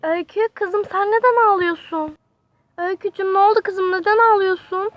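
A woman voicing a gentle schoolteacher doll, lo-fi. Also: very high-pitched, fairly even intonation, normal speed, dry recording. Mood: soothing. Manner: soothing, motherly. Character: kind patient female schoolteacher. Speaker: doll play voice actor. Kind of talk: toy doll role-play. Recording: dull lo-fi home recording.

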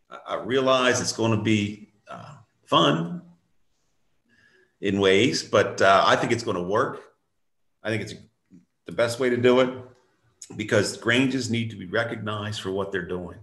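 Low-voiced man on an echoey call. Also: expressive, unhurried, creaky, fairly bright tone. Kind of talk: video call update. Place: room at home. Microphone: video call. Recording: echoey room.

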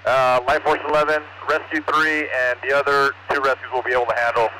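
A man's voice: mid-range voice, little pitch movement, fairly quick. A male fire officer giving a plain, procedural status report over a fire department radio. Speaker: fire crew officer at an incident. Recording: noisy fire radio scanner transmission.

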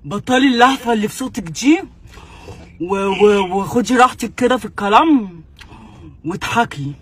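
A man's voice: high-pitched, expressive, normal speed, husky. A young man with an Egyptian accent making a prank phone call, talking in a pleading, whiny, melodramatic way. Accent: Egyptian Arabic. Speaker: prank caller.

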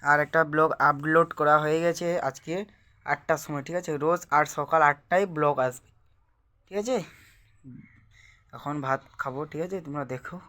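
A young man, slightly hoarse, chatting casually to viewers in a daily vlog and often asking if they are following. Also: fairly high pitch, fairly even intonation, moderate pace, pauses often, bright, forceful tone. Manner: chatty, keeps asking "ঠিক আছে?". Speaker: vlogger. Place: outdoors in a village, fields and lanes. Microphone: handheld phone.

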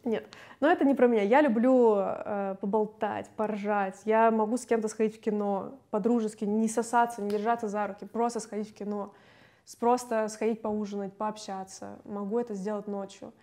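A young woman, a singer, talking candidly and casually in an interview, chatty and quick to laugh. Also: medium pitch, steady tone, mellow.

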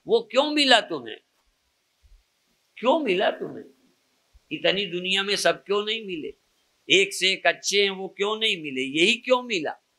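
A man's voice: sits high, sharp tone. A man giving a devotional discourse as a spiritual teacher, asking rhetorical questions and quoting scripture. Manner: asks many rhetorical questions, quotes scripture.

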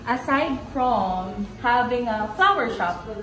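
A woman's voice: on the high side, lively intonation, takes it slowly, fairly bright tone, echoey room. A woman vlogger, chatting upbeat through a face mask in a small cafe. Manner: chatty, upbeat, mixes English in. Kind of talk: casual food review vlog.

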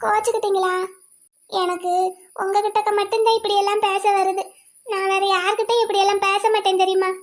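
A woman's voice: very high-pitched, little pitch movement, brisk. A woman voicing a sweet, clingy young wife in a cartoon, pleading and childlike. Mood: coaxing. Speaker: cartoon voice actor. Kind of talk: cartoon voice acting.

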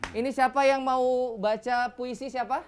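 A woman's voice: high-pitched, fairly even intonation, normal speed, smooth. A woman hosting a religious children's television program, asking the teacher questions and prompting the children. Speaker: TV program host. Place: television studio.

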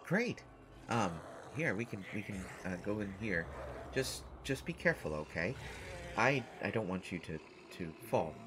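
In a scripted audio roleplay monologue, a male performer plays a shy, nervous survivor who constantly stammers, restarts, and rambles in a self-deprecating way. His lowish voice is sing-song and a little slow against a noisy background.

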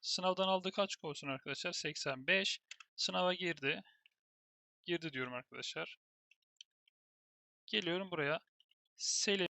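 A man with a fairly high, bright voice and a gravelly edge, talking through a terminal tutorial step by step. He thinks aloud as he types and keeps turning to the viewers. The sound is dry and close, with no room around it. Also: unhurried, long pauses, dry recording. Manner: thinks aloud while typing, keeps addressing viewers as "friends". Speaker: programming instructor. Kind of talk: screen-recorded terminal tutorial.

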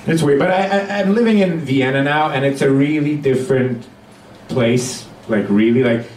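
Here a young Hungarian man with a mid-range voice delivers a live comedy routine, hesitant and chatty, acting out bits of dialogue. The recording comes from a camera at a distance in a small dark club, catching his handheld mic along with echo and heavy crowd noise.

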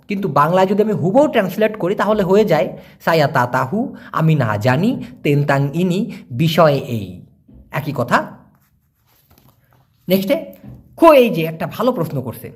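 A man teaching language, answering viewer questions and slowly repeating words for learners. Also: high voice, husky.

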